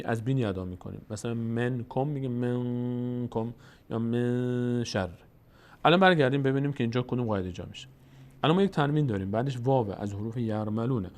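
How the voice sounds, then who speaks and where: A man with a Tajik-influenced Persian accent teaching Quran recitation, explaining the rules quickly and then drawing out the example words slowly. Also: medium pitch, a little mellow. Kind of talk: tajweed lesson with slow recited examples.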